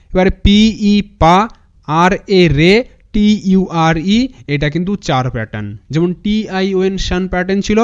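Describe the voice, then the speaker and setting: A man teaching English pronunciation with a Bengali accent, spelling words out letter by letter and repeating them slowly. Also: high voice, darkish tone, clear, resonant tone, lo-fi sound. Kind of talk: spoken lesson.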